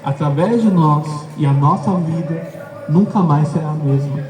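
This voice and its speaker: A man's voice: on the high side, moderate pace, recorded from a distance, a crowd in the background, rough recording. A Brazilian man preaching a sermon as pastor, talking conversationally and emphatically straight to his listeners. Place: church service with a congregation.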